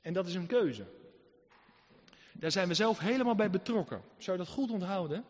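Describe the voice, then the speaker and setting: High-voiced preacher in a reverberant hall. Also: male voice, animated, moderate pace. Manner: emphatic, swings between loud exhortation and quiet earnest asides. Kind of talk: sermon. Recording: muffled sound in a reverberant hall.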